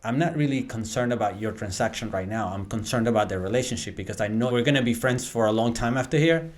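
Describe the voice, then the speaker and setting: A man's voice: mid-range voice, fast talker. A man from Venezuela whose first language is Spanish, a real estate agent talking earnestly as a guest in a casual interview, often repeating words as he explains.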